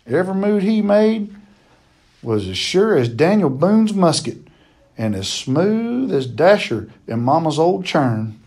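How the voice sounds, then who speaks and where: A man reading a children's novel chapter aloud in a steady, plain storytelling manner. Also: fairly high pitch, takes it slowly.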